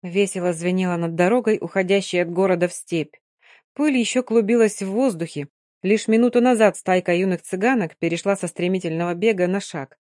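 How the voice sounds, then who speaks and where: A woman's voice: fairly low pitch, fairly quick, darkish tone, no room sound, clean studio sound. A woman narrating an audiobook expressively, giving each character a voice.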